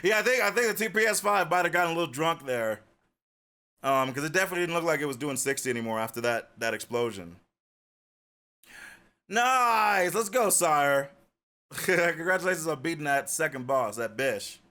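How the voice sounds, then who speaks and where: A man's voice: a little high, lively intonation, normal speed, pushed and bright. A man giving casual, slangy live gaming commentary and chatting with his viewers. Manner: slangy, repetitive, easygoing banter. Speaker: game livestreamer. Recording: music behind the voice.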